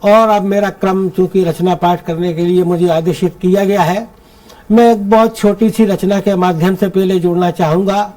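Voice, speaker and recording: A man with a very high voice performs comic verse for a room of listeners at a poetry gathering. He is theatrical and says each punchline twice to let it land. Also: steady tone, moderate pace, warm tone, low-quality recording. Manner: theatrical, repeats punchlines for effect. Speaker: poet reciting at a poetry gathering. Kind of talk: humorous poetry recitation.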